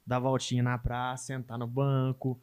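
A man's voice: mid-range voice, monotone, normal speed, darkish tone, slight background noise. A young man in his early twenties from Minas Gerais, with a Mineiro accent, chatting casually as a guest and often adding 'entendeu?'. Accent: Mineiro Brazilian Portuguese. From Minas Gerais, Brazil. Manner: chatty, tags lines with 'entendeu?'. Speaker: guest content creator. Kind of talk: casual interview chat.

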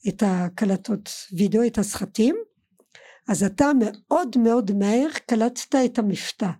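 A woman's voice: mid-range voice, warm tone. A middle-aged woman whose native language is French, casually recalling family life as a guest in conversation. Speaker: guest, mother of the host.

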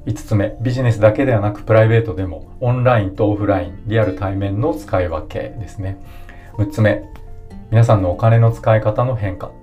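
A man hosting a solo podcast, explaining his points one by one in a calm, polite way. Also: fairly low pitch, brisk, muffled recording, faint music behind. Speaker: podcast host.

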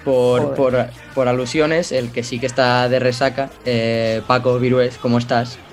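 A man's voice: medium pitch, flat delivery, a little slow, faint music behind. A man hosting a casual podcast over a video call, greeting his co-hosts and teasing them. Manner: jokey, teasing. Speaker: podcast host.

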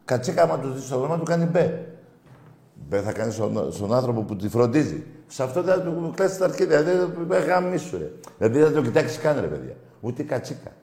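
Call-in host, male, teasing storyteller, mellow low voice, echoey room. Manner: mocking, excitable storyteller who teases callers. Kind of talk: casual joking radio chat.

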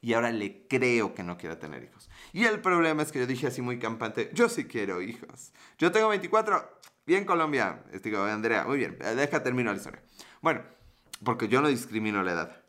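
A man in his thirties with a Mexican Spanish accent hosts a relaxed livestream. He tells a personal story while reading and teasing viewers' comments. He keeps a playful, joking, chatty tone. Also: medium pitch, a little fast. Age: 30s. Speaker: livestream host.

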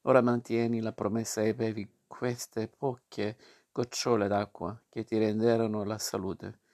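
A patient fairy with a mother's calm speaks gently but firmly, as a man reading a storybook voices her. The voice stays low and gravelly, close to the reader's own. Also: unhurried.

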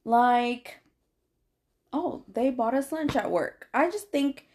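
A woman co-hosting a casual podcast chat with her partner, talking in an animated way and laughing between remarks. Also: on the high side, slow pace. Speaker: podcast co-host.

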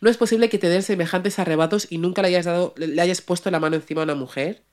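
A woman's voice: on the low side, fast, darkish tone. A woman podcast host casually telling a personal story, chatty and slangy, dropping in English words.

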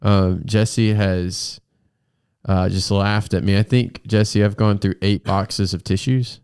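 A man's voice: fairly low pitch, fairly even intonation, slow, darkish tone, clear, resonant tone, no echo, studio quality. An American man hosting a casual, joking talk podcast with a froggy, congested voice from a sinus infection, speaking in an emphatic, self-deprecating way. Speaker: podcast host.

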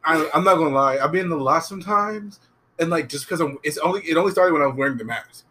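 A man's voice: a little high, quick pace, pushed and bright. A young man co-hosting a podcast, joking with goofy asides in casual chat. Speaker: podcast co-host.

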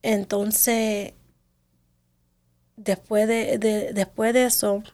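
A woman, telling her own life story in an interview and sometimes sinking to a hush. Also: medium pitch, little pitch movement, very slow. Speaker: interview guest. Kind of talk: emotional personal testimony.

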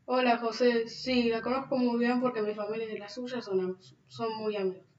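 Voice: medium pitch, little pitch movement, normal speed, dull audio, close to an everyday voice. A naive, friendly schoolboy who answers questions plainly and obligingly, as a storyteller reads him. The sound is roomy and distant from the mic, with faint noise behind it.

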